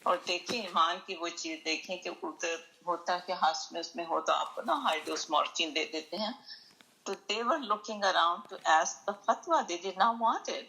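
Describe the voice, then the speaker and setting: A woman's voice: on the low side, sharp tone, low-quality recording. A middle-aged woman oncologist speaking earnestly in a remembrance talk, mixing English phrases into her speech.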